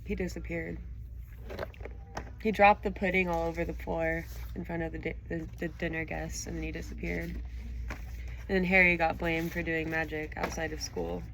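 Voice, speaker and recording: Her lowish voice is creaky and level in tone, moving at a moderate pace, as this audiobook reader and show host reads stories aloud expressively. Afterward she chats casually with a child listener about them, against a noisy background.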